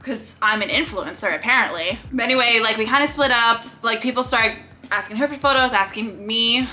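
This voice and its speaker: A young adult woman telling an animated storytime to her viewers, chatty and full of laughs. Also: on the high side, faint music behind. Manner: animated, fast-talking storyteller with lots of "like" and laughs. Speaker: YouTuber. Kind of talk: storytime vlog.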